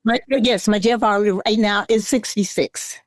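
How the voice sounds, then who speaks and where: A woman in her eighties, a guest in an interview, speaking earnestly and deliberately, sometimes restarting her words. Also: medium pitch, fairly even intonation, dry recording, studio quality. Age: 80s. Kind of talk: casual interview talk.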